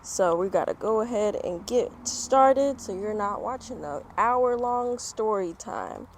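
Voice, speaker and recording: A little slow but lively in intonation, a woman with a mid-range voice reads a kids' picture book aloud, sprinkling in chatty encouragement for young listeners. It was recorded outside during autumn, with vehicles passing and outdoor ambience behind her.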